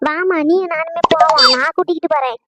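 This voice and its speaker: A woman voicing a loud, bossy young sister, quarrelsome and quick. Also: high-pitched, heavy background noise, close to an everyday voice.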